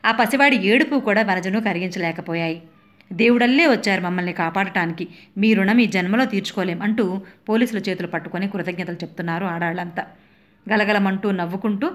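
A middle-aged woman reading a humorous story aloud with dramatic, expressive delivery. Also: medium pitch. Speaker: narrator.

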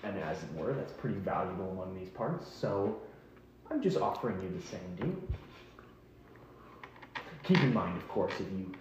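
A man's voice: sits low, big pitch swings, moderate pace, long pauses, very echoey, a little hiss or hum, poor audio. A man voicing a scheming king who wants to be immortal and speaks in formal, courtly phrases. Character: scheming king seeking immortality, smooth and threatening.

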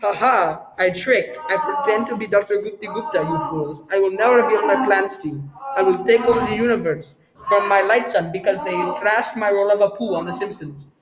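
A man's voice: high-pitched, normal speed, natural voice. A man playing a scheming male villain in disguise who gloats in broken grammar. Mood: gloating. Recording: echoey room with crowd noise.

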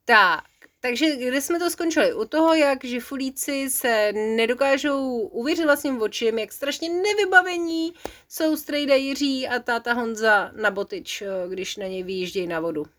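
A mother reading a bedtime story to her child, playful and lively. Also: high voice.

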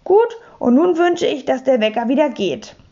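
A woman's voice: high voice, lively intonation, normal speed, dark tone, muffled recording. A woman voicing a sleepy, grumpy grown man who murmurs and grumbles in exasperation. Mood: grumbling.

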